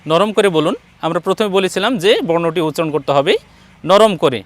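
A slightly fast, high male voice, recorded dry, guides a student through Quran recitation one-on-one. Each letter sound gets patiently modelled, and the student receives steady encouragement.

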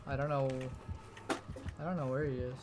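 A woman's voice: a bass voice, fairly even intonation, moderate pace, background noise. A woman streamer chatting in a laid-back way with friends while gaming, laughing often. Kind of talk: casual gaming chat.

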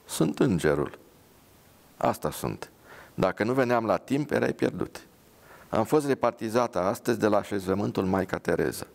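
A man's voice: lowish voice, expressive, gravelly. A man voicing a pious, blunt young woman dressed as a nurse, with an earnest, scolding manner.

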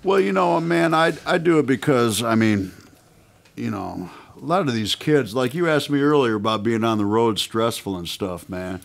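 Talking at a normal speed in a creaky, mid-range voice, an American musician in his sixties relaxes into a casual radio interview in a small studio. He keeps saying "man" and "you know," and his voice is picked up by a stand mic at the guitar.

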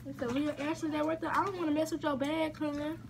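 A woman's voice: high voice, level tone, fast, creaky. A young woman chatting casually and bluntly, teasing, in a bedroom. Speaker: prank-call vlogger. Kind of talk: casual chat, joking banter. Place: bedroom, camera on the bed at arm's length. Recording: noisy home camera audio.

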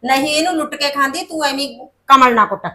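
A woman plays a brisk middle-aged sister in a short film drama, waving away worries. Her voice is high and she rattles her lines off quickly, in a dismissive but reassuring tone. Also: bright, forceful tone.

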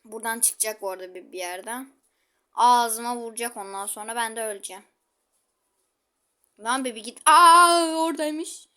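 High, bright-voiced woman gaming. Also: moderate pace, long pauses, clear, resonant tone. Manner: chatty, exclaiming, talks to viewers while playing. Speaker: gaming channel host. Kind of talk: live gameplay commentary.

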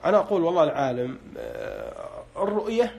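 A man's voice: on the high side, huge pitch swings, fast, vocal fry, a little mellow. A man on a live broadcast, interpreting dreams and asking callers short questions, with a pious, hedging way of speaking. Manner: hedging with religious phrases.

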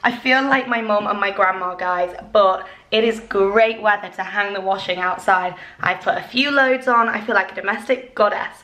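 Young woman vlogger, casual, excitable, friendly chatter; handheld camera sound. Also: medium pitch, moderate pace, few pauses. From England. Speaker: lifestyle vlogger. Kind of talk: casual vlog chat to camera. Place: home kitchen and bathroom, indoors. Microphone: handheld camera at arm's length.

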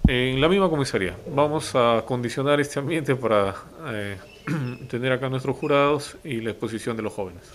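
Cop talking on local tv, lots of ehs and "no?", faint hiss behind. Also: male voice, medium pitch. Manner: halting, many fillers and tag questions. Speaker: police officer. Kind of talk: local TV interview.

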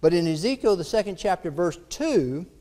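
A man's voice: high-pitched, big pitch swings, moderate pace, mellow. A man preaching a lesson in a church, reading scripture aloud with rising emphasis and then explaining it with some hesitant fillers. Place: church auditorium. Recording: long reverb of a church hall.

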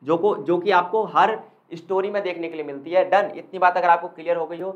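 A man's voice: high voice, steady tone, brisk. Emphatic male exam tutor, lo-fi. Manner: emphatic, repeats key points to students. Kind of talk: exam revision lesson.

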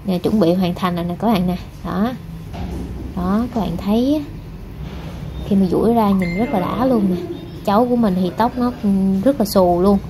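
A woman's voice: medium pitch, mellow. Young woman vlogger, loose chatty delivery with constant fillers, recorded in a noisy salon. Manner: rambling, many fillers, addresses viewers directly. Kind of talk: casual vlog narration. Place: hair salon, indoors. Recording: noisy background.

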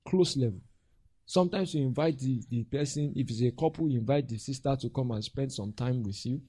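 A man's voice: medium pitch, fairly quick, slightly rough, dry recording. A man, a pastor mentoring a group and telling stories with acted-out voices and frequent laughs. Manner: animated storytelling, acts out voices and laughs often.

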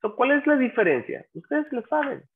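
This English teacher's voice is very high-pitched and very animated, at normal speed, heard through thin, tinny sound. Leading a language class, he patiently repeats sample phrases and keeps quizzing his students, pushing them to respond.

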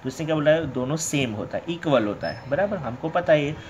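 A male math teacher explaining a textbook lesson to young pupils, asking questions and answering them himself, and reading the textbook's English lines out slowly. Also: a little high, animated, noisy background. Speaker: primary school math teacher.

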